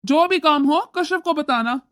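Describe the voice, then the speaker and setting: A woman voicing a young husband in an animated family story, lecturing his wife and doting on his mother. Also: sits high, normal speed, no echo, clean studio sound. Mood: scolding. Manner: scolding, lecturing. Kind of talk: animated moral story voice acting.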